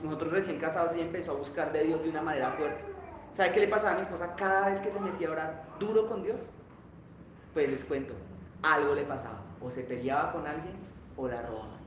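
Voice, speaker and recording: A male pastor preaching a sermon, telling a story with dramatic rises and drops in pitch and loudness, recorded in a church hall. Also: steady tone, fast talker. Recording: very echoey church hall with faint noise.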